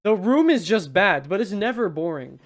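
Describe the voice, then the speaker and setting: A man's voice: sits high, very animated, normal speed. A tipsy man hosting a podcast, chatting casually and emphatically about movies with some swearing. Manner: tipsy, from drinking on the show. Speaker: podcast host. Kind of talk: casual movie review banter.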